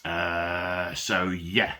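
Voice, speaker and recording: A man's voice: low voice, monotone, drawn-out words, pushed and bright. A man hosting a casual hobby unboxing vlog while he has a cold and coughs. He rambles and restarts with self-deprecating asides, recorded on a phone. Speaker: miniature wargaming hobby channel host. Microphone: phone camera.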